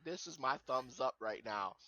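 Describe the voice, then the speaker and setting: Sharp-voiced man with self-mocking, profane humor. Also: mid-range voice, animated, moderate pace, no echo. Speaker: podcast co-host. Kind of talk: casual podcast chat.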